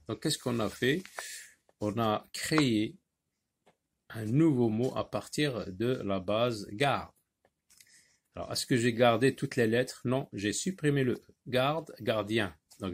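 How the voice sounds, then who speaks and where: A man teaching a French reading lesson, talking slowly and deliberately and spelling out letters and syllables. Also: mid-range voice.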